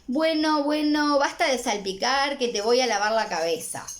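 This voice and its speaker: A woman with a Uruguayan accent voicing a patient young mother in a comic strip, speaking higher than her own voice and coaxing her son. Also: normal speed, close to an everyday voice. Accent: Uruguayan Spanish. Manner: coaxing, firm.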